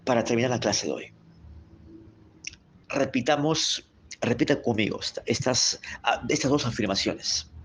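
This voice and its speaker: A male teacher leads a lesson on voice and public speaking, talking slowly and deliberately and repeating each key phrase. He speaks to the viewer formally, inviting them to repeat after him, over a faint hiss of background noise. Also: medium pitch.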